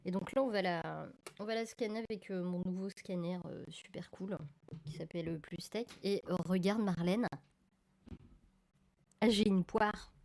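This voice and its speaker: An unhurried woman with a darkish, medium-pitched voice pauses often while streaming her film photography work live. Chatty and addressing her viewers, she keeps correcting herself mid-sentence, and the desk-microphone audio has a slight crackle.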